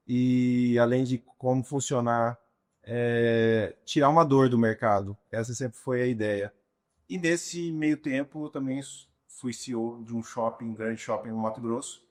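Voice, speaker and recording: A man from Brazil talks through his background as a guest on a business podcast. His voice sits at an ordinary middle pitch, and he pauses often to find the next word in an unhurried, storytelling way. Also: a little mellow. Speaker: guest, restaurant entrepreneur. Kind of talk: casual interview talk.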